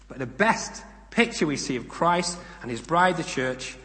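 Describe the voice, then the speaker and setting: A male preacher delivers a sermon in a church hall, reading scripture aloud with swelling emphasis and then explaining it plainly. His voice sits a little high for a man. A long reverb trails behind every phrase. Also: unhurried. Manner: reads scripture with rising emphasis, explains in calm asides.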